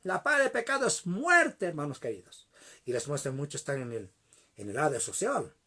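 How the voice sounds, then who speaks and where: A man preaching a sermon, telling a story in an animated way and addressing the congregation directly. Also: on the high side, fairly quick, husky.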